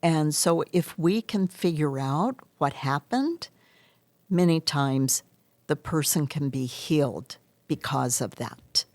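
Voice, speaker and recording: A woman speaking as an interview guest and hypnotherapist, explaining and telling of her work in earnest, measured short phrases. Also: low voice, lively intonation, a little mellow, dry recording. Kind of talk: interview answers, explanatory storytelling.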